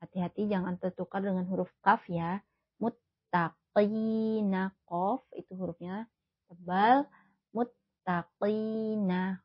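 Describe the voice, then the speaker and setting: A woman teaching tajwid. She patiently explains the rules and repeats each recited word slowly and loudly so learners can copy her. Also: on the low side, fairly even intonation, breathy edge, no room sound, highs cut off. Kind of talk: tajwid lesson with recited examples.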